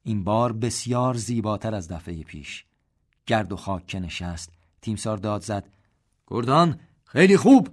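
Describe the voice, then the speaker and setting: A man narrating a story in a steady, measured reading voice. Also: fairly low pitch.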